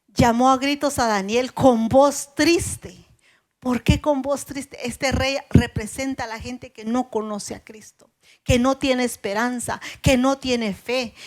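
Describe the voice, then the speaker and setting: A woman preaching an earnest sermon at a women's church service, slowing down to stress the scripture she quotes. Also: a little high.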